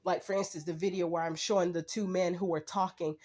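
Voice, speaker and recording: A woman's voice: lowish voice, fairly even intonation, a little fast, a little mellow. A woman ranting to her vlog audience in a profane, heated, blunt way. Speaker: channel host. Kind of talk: angry personal rant vlog.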